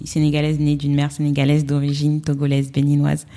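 A woman's voice: deep voice, completely flat delivery, a little fast, mellow. A woman from Senegal, a podcast guest, talking through her career with frequent fillers and restarts. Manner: hesitant, many fillers and restarts. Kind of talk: podcast interview.

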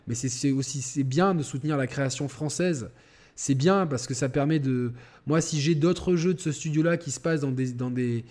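A man's voice: fairly high pitch, a little mellow. A man hosting a live game stream, chatting casually with viewers and rambling, with many fillers and restarts. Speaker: gaming channel host.

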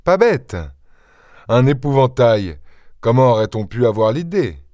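A man voicing a self-assured, mocking gentleman burglar in an audiobook, teasing and ironic with lively high flourishes. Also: unhurried, no room sound. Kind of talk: audiobook character voice.

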